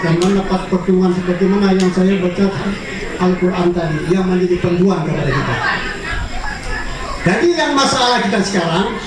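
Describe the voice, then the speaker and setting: A man preaching a sermon, asking rhetorical questions, chanting verses and shouting for emphasis. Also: high voice, distant mic. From Malaysia. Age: 30s. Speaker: religious preacher. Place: outdoor stage at a mosque event at night. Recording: loud echoey outdoor PA with crowd noise. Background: crowd and ambience.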